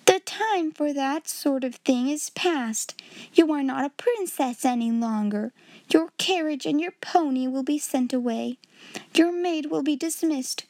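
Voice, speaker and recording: A woman voicing a cold, domineering schoolmistress with a sharp, scolding manner, in a storybook reading. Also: high voice, no echo, pitched above the performer's own voice.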